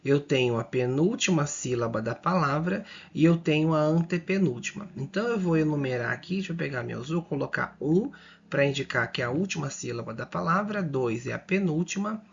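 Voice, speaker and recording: A male teacher giving an exam-prep grammar lesson, explaining slowly, repeating key words and checking in with the viewer often. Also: a little high, lively intonation, creaky, muffled recording, a little hiss or hum.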